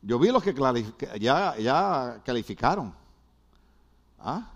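A man preaching a sermon, joking with the congregation and breaking into shouts. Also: mid-range voice, big pitch swings, takes it slowly, lo-fi sound.

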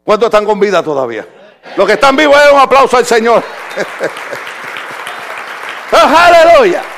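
A man preaching a sermon as pastor, with humor, his voice swinging from loud outbursts to quiet asides. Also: high-pitched, big pitch swings, fast talker, a faint crowd, a little hiss or hum.

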